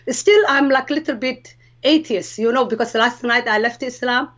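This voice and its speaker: A woman's voice: high voice, fairly bright tone, highs cut off. A woman from Somalia, speaking English with a Somali accent, tells an emotional personal faith testimony as an interview guest. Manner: earnest, emotional storytelling, rising into quoted voices.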